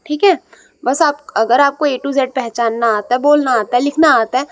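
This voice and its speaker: A woman's voice: high voice, normal speed, lo-fi sound, slight background noise. A woman teaching young students English reading, explaining patiently and checking in often. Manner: patient, repeats and checks with "ठीक है".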